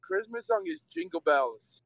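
A man calling in over the phone from his car, talking in an excited, upbeat way about his team. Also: high-pitched, a little slow, vocal fry, no room sound. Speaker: caller. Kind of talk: casual chat. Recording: muffled lo-fi phone line, dry.

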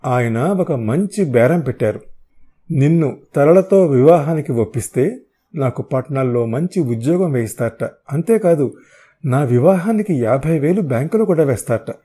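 A man reading the lines of a calm, practical young woman in a novel audiobook, in his own mellow voice. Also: on the high side, normal speed, breathy edge.

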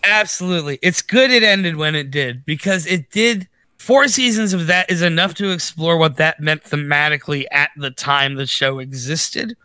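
A man co-hosting a podcast in casual chat, animated and rambling with restarts. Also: fairly high pitch, normal speed, smooth, no echo. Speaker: podcast co-host.

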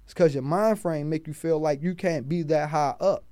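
A man with a Baltimore accent, a podcast guest telling street-smart stories in a casual, profane, animated way. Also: on the high side, moderate pace, dry recording. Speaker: guest, rapper and food truck owner.

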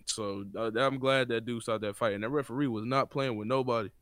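Animated young man, dry sound. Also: mid-range voice, brisk, no room sound. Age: young adult. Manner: animated, swearing, repeats words in bursts. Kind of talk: casual slangy chat.

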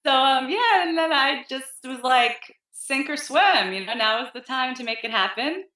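A woman chatting informally as an interview guest, telling her story in an animated way, heard over a low-quality stream. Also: moderate pace. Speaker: interview guest, health coach. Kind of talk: casual conversational interview. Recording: echoey low-quality online stream audio.

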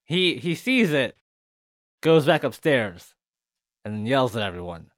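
A man's voice: medium pitch, sing-song, measured pace, no room sound, clean studio sound. A man playing a tabletop game, chatting casually with lots of fillers and frequent laughter. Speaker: player.

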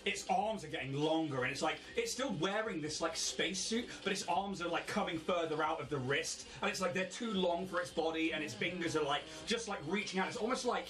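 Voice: mid-range voice, a little fast, hardly any pauses, a bit bright, distant mic. A game master with a British accent running a tabletop game, describing things in a rambling way full of "like" and fillers.

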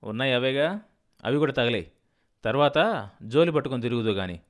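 A man's voice: mid-range voice, animated, normal speed, close to an everyday voice. A man voicing a bitter, ruined middle-aged landowner who talks curtly and mockingly to his wife. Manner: curt and mocking.

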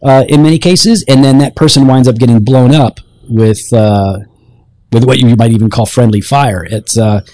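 A man's voice: mid-range voice, moderate pace, warm tone, dry recording. Man, podcast co-host, casual faith chat, teasing, rambling, dry sound. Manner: teasing, rambling with many restarts.

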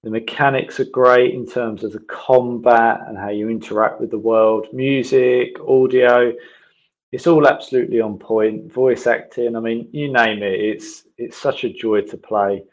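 A man's voice: mid-range voice, fairly even intonation, a little slow. A man leaving an enthusiastic, rambling voicemail over a landline phone, giving casual game impressions with many restarts. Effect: heard over a landline phone as a voicemail message. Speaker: gamer leaving a voicemail review. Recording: dull lo-fi phone line.

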